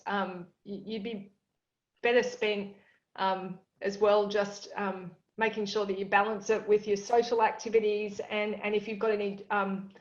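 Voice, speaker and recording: Female panelist, calm and reassuring, halting phrasing; roomy lo-fi recording. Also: medium pitch, a little hiss or hum. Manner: reassuring, stop-start phrasing. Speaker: industry panelist. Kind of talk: panel discussion. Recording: roomy, dull-sounding audio.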